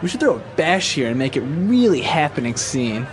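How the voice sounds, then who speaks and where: A man's voice: a little high, very animated, moderate pace, noisy background. A man playing an easygoing young hippie. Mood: relaxed. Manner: slangy, easygoing. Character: laid-back young male 1960s hippie guest. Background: music.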